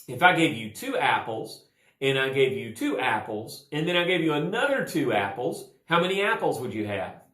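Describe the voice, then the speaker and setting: A man voicing a schoolteacher who grows exasperated with a pupil, his voice pushed higher. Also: very animated, normal speed, pushed and bright. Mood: patient. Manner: rising to a high exasperated pitch. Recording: roomy echo.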